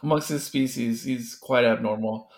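A man offers deadpan, mock-serious takes during a casual film commentary. His voice sits at a middle pitch and hesitates now and then. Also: normal speed. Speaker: guest co-host of a film commentary.

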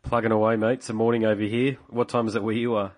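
A man with a fairly low voice and an Australian accent speaks as a podcast interviewer. His manner is blokey and informal, like a tradesman chatting to a mate, with plenty of local slang. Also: level tone, quick pace. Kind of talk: casual phone interview.

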